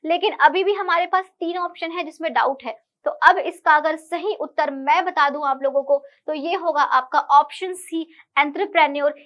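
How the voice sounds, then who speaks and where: A woman's voice: high voice, normal speed, few pauses, highs cut off. A woman teaching an online exam-prep English lesson, explaining each question patiently and repeating key words.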